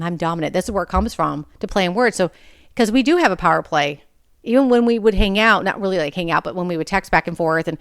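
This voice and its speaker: Woman in her 40s doing a personal podcast, blunt and sweary, smooth lowish voice, dry close sound. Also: no room sound. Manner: candid, blunt, swears freely. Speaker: podcast host.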